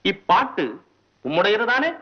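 A stern, lofty elder poet. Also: male voice, high voice, animated, measured pace. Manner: formal, lofty and scolding. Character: stern, proud elder male court poet. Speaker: court poet in a devotional film. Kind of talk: 1960s Tamil film acting. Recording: dull old film soundtrack.

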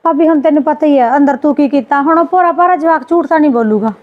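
Fast-talking indignant woman, muffled audio. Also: high voice. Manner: indignant, scolding. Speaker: sister-in-law character in a family skit. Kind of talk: Punjabi family drama skit.

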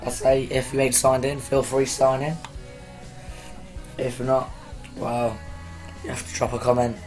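A man with a croaky voice casually talking to viewers on a live stream, rambling as he sets things up. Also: mid-range voice, completely flat delivery, a little slow, a little mellow, soft background music. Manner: rambling, chatty, addressing viewers.

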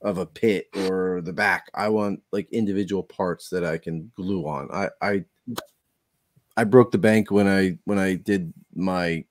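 A man's voice: sits low, no echo. A man hosting a casual online hobby show, chatting with enthusiasm and frequent restarts. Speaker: podcast host. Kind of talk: casual chat.

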